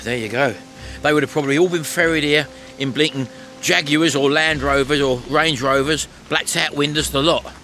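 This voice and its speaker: A man's voice: a little high, steady tone, normal speed, bright, forceful tone. Chatty man vlogging over music. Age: middle-aged. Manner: chatty, addressing viewers as folks. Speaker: vlog host. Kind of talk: casual walk-and-talk vlog. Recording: music behind the voice.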